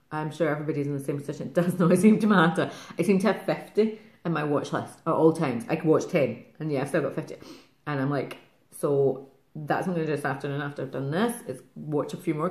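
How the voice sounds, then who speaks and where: A middle-aged Scottish woman chatting casually to camera in a fast, rambling way, laughing often. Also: sits low, a little mellow. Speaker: craft vlogger. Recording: roomy echo.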